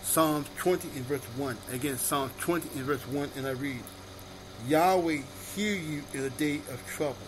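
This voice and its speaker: A male minister delivering a sermon, reading scripture aloud and repeating each verse reference slowly and deliberately. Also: fairly high pitch, background noise.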